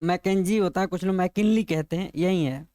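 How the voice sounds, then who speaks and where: A man's voice: high-pitched, fairly even intonation, a little mellow, no echo, studio quality. A male teacher giving an exam-prep geography lesson, repeating each point and turning it into a question for his students. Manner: slow, repetitive explaining.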